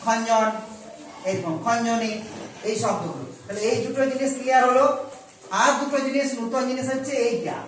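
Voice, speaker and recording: A man's voice: very high voice, expressive, a bit bright, slight background noise. Male teacher from going over spelling for kids, patient, keeps repeating and asking, heavy echo, sounds far from the mic. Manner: patient, repeats words slowly and asks questions. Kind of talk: children's Bengali spelling lesson. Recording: echoey room, voice from a distance.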